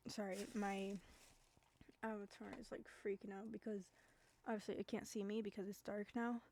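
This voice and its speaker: A woman streaming live, speaking in a halting, subdued way with many fillers and apologies, hiccuping now and then. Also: medium pitch, level tone, darkish tone, a little hiss or hum. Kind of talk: casual live-stream talk.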